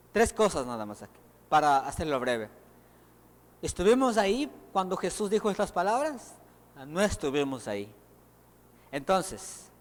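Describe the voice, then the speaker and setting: High-voiced man preaching in an echoing hall. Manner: animated, acts out quoted voices. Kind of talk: sermon. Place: church hall. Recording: long reverb of a church hall.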